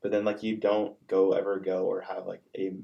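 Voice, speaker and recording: A man's voice: sits low, completely flat delivery, fairly quick, gravelly, dull audio. A young man, a college student-athlete, talking earnestly in a casual podcast chat with many fillers. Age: young adult.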